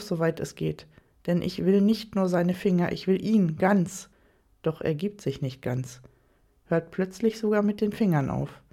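A woman narrating an erotic audio story in the first person, reading slowly and softly. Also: lowish voice.

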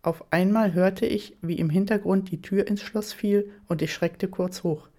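Woman reading an erotic story, mellow tone. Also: mid-range voice, steady tone, unhurried. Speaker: audiobook narrator.

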